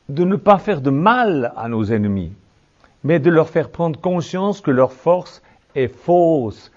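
A male preacher giving a fervent, rhetorical sermon that swings between low tones and shouted peaks. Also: muffled recording.

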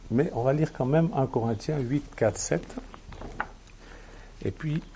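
A man's voice: fairly low pitch, noisy background. A man preaching a sermon in a teaching manner, with emphatic bursts and frequent fillers.

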